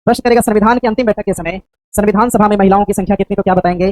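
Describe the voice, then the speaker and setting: A woman teacher coaching a class for an exam, quizzing students with rapid, repeated questions. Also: mid-range voice, fairly even intonation, darkish tone, rough recording.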